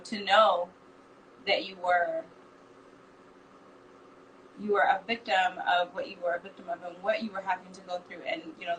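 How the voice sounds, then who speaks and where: A woman's voice: medium pitch, fairly bright tone. Woman, guest, casual chat, hesitant, distant mic, faint background noise. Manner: hesitant, many fillers and restarts.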